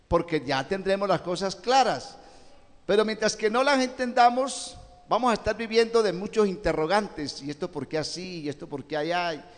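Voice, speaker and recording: A high-pitched male pastor delivers a sermon at an unhurried pace. His voice rises in force when he reads scripture aloud. It rings out with a long reverb from a church hall. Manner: slow, deliberate preaching that swells loud when reading scripture. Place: church sanctuary.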